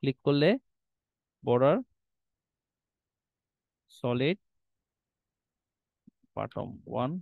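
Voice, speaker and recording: A man's voice: medium pitch, drawn-out words, creaky, long pauses, no room sound, narrow, tinny audio. A man walking students through website design settings on screen, often checking in with "ঠিক আছে?" and mixing in English terms. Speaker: web design instructor. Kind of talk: screen-recorded tutorial walkthrough.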